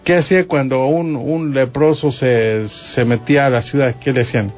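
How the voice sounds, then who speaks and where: A man's voice: mid-range voice, steady tone, moderate pace, dull audio, faint music behind. A man with a Mexican accent teaching a Bible passage on a radio program, talking conversationally and asking his listeners questions. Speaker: radio preacher.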